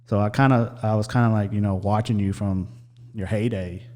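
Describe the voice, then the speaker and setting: A man hosting a casual podcast interview, talking haltingly with many restarts and "and stuff" fillers. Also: lowish voice, steady tone, a little mellow. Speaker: podcast host. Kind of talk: casual nervous interview chat. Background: faint crowd chatter.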